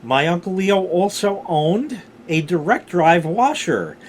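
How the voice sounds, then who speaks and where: A middle-aged man telling rambling personal stories casually, with animated, salty emphasis on key words. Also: high voice, slow pace, slight background noise. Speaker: storyteller, vlog host.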